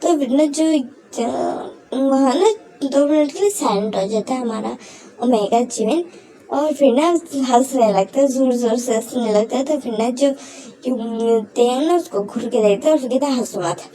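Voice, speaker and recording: Crowd noise surrounds a woman whose voice sits high and moves at normal speed as she casually narrates fan fiction. She uses many fillers and briefly acts out each quote, and the audio is poor.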